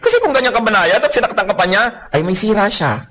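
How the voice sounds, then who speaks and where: A man preaching as a pastor, joking and lively, mixing English Bible verses into his sermon. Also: sits high, quick pace, slight background noise.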